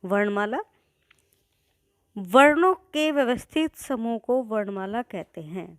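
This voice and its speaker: A woman's voice: a little high, expressive, takes it slowly, no room sound, studio quality. A woman teaching an exam-prep grammar lesson, methodically spelling out sounds one by one.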